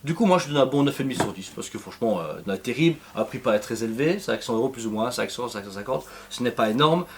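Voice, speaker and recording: Co-hosting an informal statue review, a man with a Belgian French accent speaks in rapid, rambling runs with plenty of fillers and restarts. His mid-range voice is expressive, and there's a little background noise.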